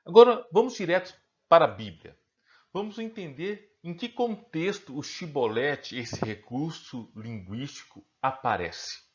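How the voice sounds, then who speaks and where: A man's voice: a little high, very animated, unhurried, a little mellow, highs cut off. A man with a Brazilian accent teaching a recorded online lesson. He poses questions to himself, answers them, and keeps checking in with the viewer. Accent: Brazilian Portuguese.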